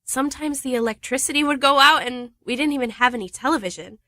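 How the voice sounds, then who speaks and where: In an amateur radio play, a woman voices Diana, a chatty, teasing wife in a remote cottage, sounding nostalgic and cheerful. Her voice is high-pitched, fast, and sharp.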